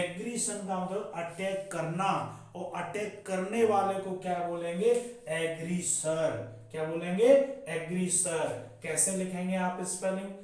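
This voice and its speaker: A man teaching vocabulary, switching between Hindi and English, spelling words out letter by letter and asking questions that he answers himself. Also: high-pitched. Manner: asks the class questions and answers them himself. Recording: very echoey room, voice distant from the mic.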